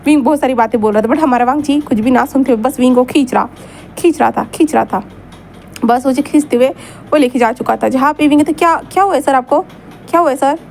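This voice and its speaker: A woman's voice: high voice, quick pace, gravelly, a little mellow, a little hiss or hum. A woman narrating a fan story aloud in a chatty way, with repeats and asides to her listeners.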